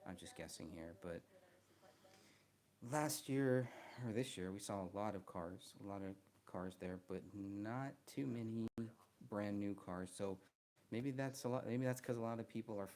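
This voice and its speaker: Close to the mic, a soft-spoken man with a low-pitched voice chats casually on a live stream. He's hesitant, with lots of ums and restarts.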